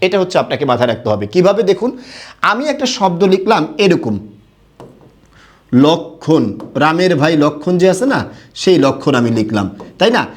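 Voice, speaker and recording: A man from Bangladesh teaching an online grammar lesson, who keeps asking quick questions and then answers them himself. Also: on the high side, sing-song.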